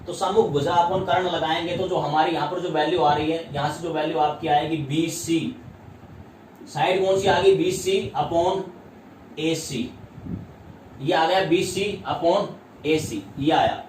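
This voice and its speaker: A man with a Hindi accent teaches maths in a slightly high voice, asking rhetorical questions and repeating each term. He is heard from far off in an echoey room, with faint room hum behind him. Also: fairly even intonation, measured pace, a little mellow. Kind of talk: classroom lesson.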